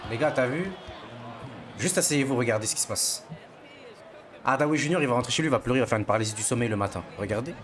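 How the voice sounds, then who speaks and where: A man's voice: mid-range voice, fast, long pauses, noisy background. Boastful young man commentating his game. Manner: boastful, excitable, slangy trash talk to viewers. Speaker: gaming streamer. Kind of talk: casual gameplay commentary.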